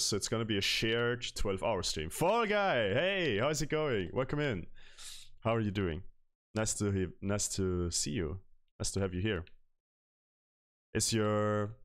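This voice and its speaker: A chatty young man from Austria talks into a headset mic in a small room at home. His voice sits a little low, and he laughs often as he reads out and answers his chat. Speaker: streamer. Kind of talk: casual live-stream chat. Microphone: headset microphone.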